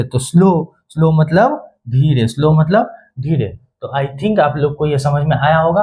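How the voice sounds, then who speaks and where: A man's voice: a little high, darkish tone. Man teaching phonics with repeated questions. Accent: Hindi. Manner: repeats questions and answers himself. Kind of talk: phonics lesson.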